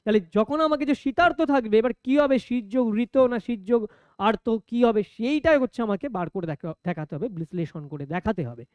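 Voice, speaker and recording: A woman's voice: on the high side, animated, fast, darkish tone, clean tone, dry recording. A woman teaching an exam-prep grammar lesson, who asks her own questions, answers them, and repeats each key rule several times. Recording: dull lo-fi sound.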